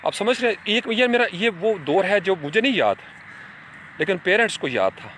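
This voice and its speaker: A man's voice: high voice, sing-song, a bit bright, slight background noise. A middle-aged man telling childhood stories in an earnest, reflective talk, slipping in English words and speaking straight to his listeners.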